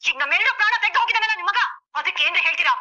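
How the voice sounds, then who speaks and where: A woman voicing a sharp-tongued woman of the bride's family, shrill and accusing. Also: expressive, rapid-fire, highs cut off, exaggerated voice.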